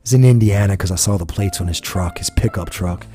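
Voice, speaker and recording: A man's voice: low voice, a little fast, warm tone, faint music behind. A man from the United States hosting a podcast, delivering an impassioned, profane political rant. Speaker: podcast host.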